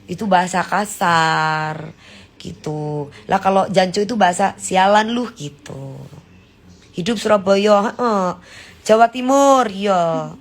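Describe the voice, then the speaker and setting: A woman's voice: fairly low pitch, takes it slowly. A woman chatting casually on a phone live stream, explaining slang acted-out examples.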